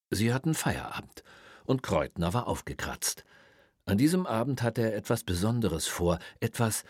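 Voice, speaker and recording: Audiobook narrator, male, deep and husky, measured, dry close mic. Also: a little mellow, no echo. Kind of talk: scripted narration.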